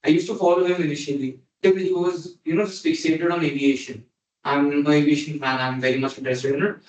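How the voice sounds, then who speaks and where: A man's voice: a little high, steady tone, fast, darkish tone, highs cut off, a little hiss or hum. A man in a focus group, explaining his views steadily. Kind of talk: casual discussion. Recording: echoey distant meeting recording.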